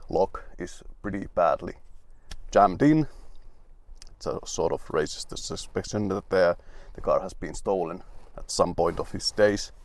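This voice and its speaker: Young male car reviewer, lowish voice, dry wit, rambling and grumbly. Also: vocal fry, no room sound. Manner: rambling, with restarts and asides.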